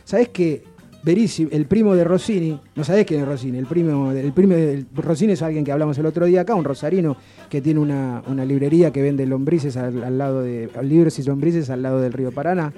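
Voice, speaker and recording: A man with an Argentine accent telling an anecdote on the radio in an animated, conversational way. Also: on the high side, a little fast, soft background music. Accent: Argentine Spanish. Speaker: radio storyteller. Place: radio studio.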